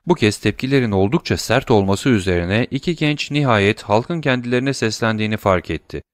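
A man narrating a classic novel in a measured literary reading. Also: fairly low pitch, no echo, clean studio sound. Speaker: audiobook narrator. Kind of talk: scripted narration.

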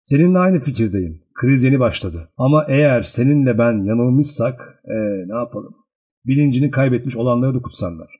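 A man's voice: mid-range voice, animated, moderate pace, warm tone, slightly rough. A man voicing a dying young man who is proud and sardonic, speaking in a dry, weary, mocking way. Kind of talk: audiobook character reading.

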